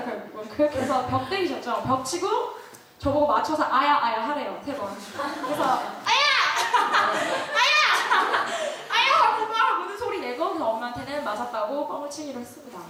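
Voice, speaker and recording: A young woman giving a sermon, telling a personal story with laughter and questions to the listeners. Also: high-pitched. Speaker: speaker. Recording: very echoey hall, distant mic.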